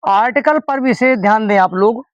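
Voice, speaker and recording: A male teacher explaining English pronunciation in a classroom lesson, reading example sentences slowly and deliberately. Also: sits high, dull audio.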